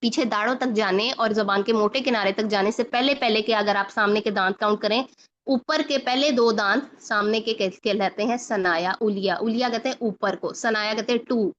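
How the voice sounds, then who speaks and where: A woman teaching Quran recitation, explaining step by step and slowly reciting example words for her students. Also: mid-range voice, fairly bright tone. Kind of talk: recitation lesson. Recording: slightly dull lo-fi recording.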